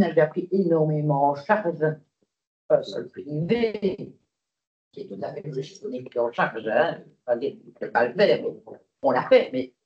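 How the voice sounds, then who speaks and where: A man speaking as a council member in a debate, recorded with dull low-fidelity sound.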